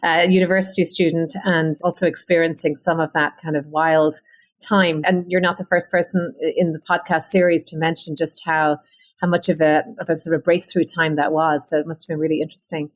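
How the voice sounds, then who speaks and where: Lower-voiced woman hosting a podcast. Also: flat delivery. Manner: warm and measured, reading sponsor copy and asking questions. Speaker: podcast host. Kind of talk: host intro and interview questions.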